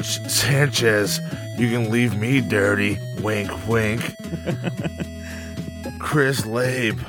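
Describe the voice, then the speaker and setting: A man putting on a slow, low, mock-seductive voice as a joke.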